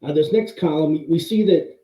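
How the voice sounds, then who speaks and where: A man hosting a monthly history talk, explaining slides conversationally, heard in tinny, low-sample-rate audio from an empty room. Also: moderate pace, mellow, echoey room. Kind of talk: casual slide-show presentation. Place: pretty much empty room.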